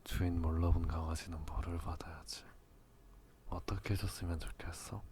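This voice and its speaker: A man performs a possessive, dominant male lover in a whispered role-play. His voice is low and dark, murmured with little melody. He coaxes and orders in turn, over clearly audible background noise. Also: flat delivery. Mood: commanding, teasing. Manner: slow murmuring, coaxing and commanding, often whispering.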